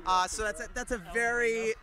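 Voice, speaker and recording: A man's voice: very high voice, steady tone, moderate pace, bright, forceful tone. A young man doing live, chatty sports broadcast commentary from a set at a stadium, bantering with guests. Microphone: handheld broadcast mic.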